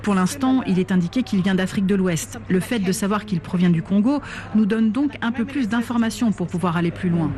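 A woman reading a voice-over translation in a calm, clear way for a radio report. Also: mid-range voice, brisk. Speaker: voice-over interpreter. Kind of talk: dubbed voice-over.

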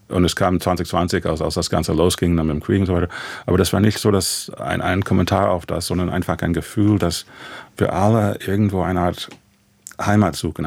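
A man with an American accent and English as his first language talks through his path as a composer in German. His voice sits very low with a gravelly fry. The sound is close and dry, and his speech is halting and full of fillers. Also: a little mellow, no room sound. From USA. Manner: halting, many fillers and restarts in imperfect German. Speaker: composer guest. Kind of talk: reflective radio interview answers.

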